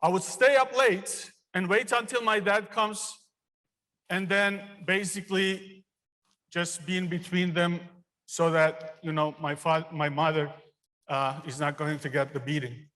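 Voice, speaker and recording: Earnest professor from Turkey, fifties, man with a fairly high voice, speaking at a commencement in a big theater. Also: fairly even intonation, a bit bright. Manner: earnest, personal storytelling with pauses. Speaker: engineering professor giving a commencement speech. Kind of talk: commencement speech. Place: large theater. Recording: long reverb of a large hall.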